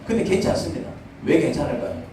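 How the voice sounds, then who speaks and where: A man's voice: a little high, expressive, fast talker, warm tone, heavy reverb, far from the mic, a little hiss or hum, rough recording. A male pastor preaching a sermon in a church, speaking conversationally and asking the congregation many questions. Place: church sanctuary.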